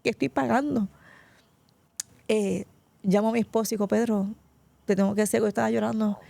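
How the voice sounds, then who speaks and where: Lady pastor, middle-aged, super gravelly mellow voice, telling her story all heartfelt and teary, dry close sound. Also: mid-range voice, level tone, fast talker, dry recording. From Puerto Rico. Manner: tearful, heartfelt storytelling, often addressing the host by name. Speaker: pastor, interview guest. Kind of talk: emotional personal testimony.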